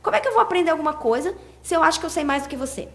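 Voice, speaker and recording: Fast, high-voiced woman explaining. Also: expressive, fairly bright tone. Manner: explanatory, poses rhetorical questions. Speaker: guest speaker. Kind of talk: podcast discussion on scripture.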